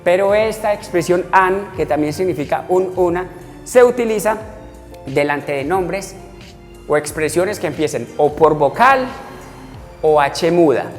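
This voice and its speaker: A patient male teacher walks through grammar step by step and repeats each example slowly. His voice carries a long reverberant tail, and faint music plays underneath. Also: high-pitched. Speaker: English teacher. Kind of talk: classroom explanation. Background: faint background music.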